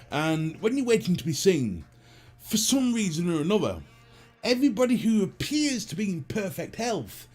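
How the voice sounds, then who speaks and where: A man rants through a funny story, swearing freely and sounding exasperated. His voice sits fairly high and swings in pitch a lot. Soft music plays behind him. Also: husky. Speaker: streamer host. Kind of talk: casual storytelling chat.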